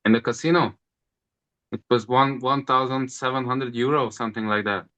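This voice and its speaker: Bright-voiced man in his thirties. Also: mid-range voice, fairly even intonation. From Hungary. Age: 30s. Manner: halting non-native English, repeats words. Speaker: interview guest. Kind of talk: casual interview answers.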